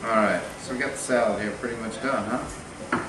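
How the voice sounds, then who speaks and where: A man's voice: mid-range voice, a little fast. A man giving a casual cooking demonstration as host, plain-spoken and talking as if to a buddy. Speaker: cook hosting a cooking show. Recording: noisy live room sound.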